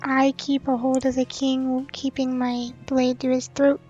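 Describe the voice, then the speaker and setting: Earnest lady playing dnd, high voice, kinda dull lo-fi sound. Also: completely flat delivery, unhurried, mellow, faint music behind. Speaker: player. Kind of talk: tabletop role-play.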